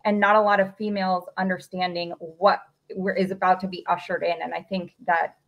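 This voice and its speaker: A woman's voice: lowish voice, flat delivery, a little fast, dull audio. A woman in her thirties hosting a podcast, interviewing a guest over a video call in an encouraging way. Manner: encouraging, laughs easily. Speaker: podcast host. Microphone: video call with a desk microphone.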